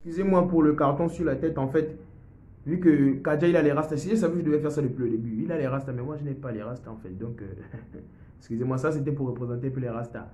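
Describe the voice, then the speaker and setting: A man's voice: mid-range voice, fast, dark tone. A young man chatting casually and jokingly to viewers as a music video host. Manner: chatty, joking, addresses viewers as "les gars". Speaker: music youtuber. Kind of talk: casual vlog chat. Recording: roomy echo.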